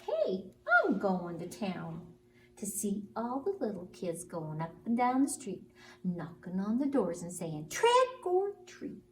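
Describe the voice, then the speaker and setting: A woman voicing an eager, mischievous little male bat in a drawn-out nursery-rhyme chant. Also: mid-range voice, huge pitch swings. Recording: roomy, distant mic, faint noise.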